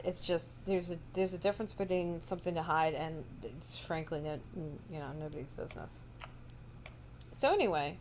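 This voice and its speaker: A woman with a slightly low voice tells a story to her stream in chatty, animated talk. She swears freely as she goes. A faint ambient hum sits behind her. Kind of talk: casual storytelling chat.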